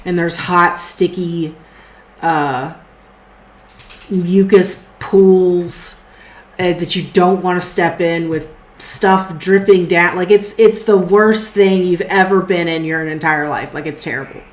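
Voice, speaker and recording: A woman runs a tabletop game in a relaxed, unhurried way, drawling through her scene descriptions with plenty of filler words. Her voice sits a little low for a woman. The room around her gives an echoey ring. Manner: casual, hesitant, many fillers. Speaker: game master.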